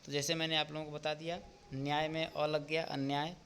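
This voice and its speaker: A male teacher going through an exam paper step by step, often pausing to check with "ठीक?". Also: fairly high pitch, little pitch movement, fairly bright tone, slight background noise. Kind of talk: exam paper walkthrough lesson.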